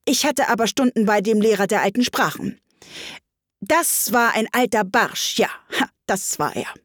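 A woman puts on a bossy male griffin for a storybook, pitched well above her usual voice and noticeably louder. He barks at the others with brusque, scolding impatience. The voice is breathy, with a dry close sound. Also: expressive, normal speed, no room sound. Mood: boastful.

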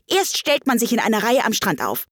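A woman's voice: breathy edge, no room sound, clean studio sound, exaggerated voice. A woman doing a jumpy, shrieking Gryphon. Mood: excited. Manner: quick, high and excited. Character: excitable griffin creature, brash and jumpy.

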